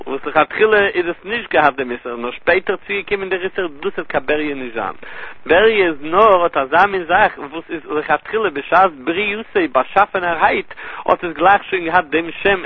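A man's voice: fairly high pitch, normal speed, breathy edge. A man with a Yiddish accent teaching a Talmud lesson, reasoning through sources in a sing-song study cadence and mixing in Hebrew terms. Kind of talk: Talmudic lecture. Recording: tinny lo-fi phone-line audio.

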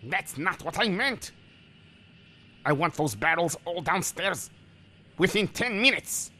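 A man's voice: high voice, animated, takes it slowly, bright, forceful tone, full character voice. A man playing an impatient, demanding boss who barks orders. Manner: barking, bossy, exasperated.

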